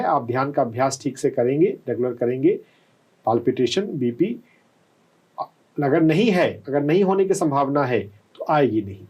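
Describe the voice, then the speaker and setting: A man working as a doctor, calmly explaining answers to callers on a live health call-in show and often checking with "है ना?". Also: a little high, breathy edge, dull audio. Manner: calm, explanatory, often asks "है ना?".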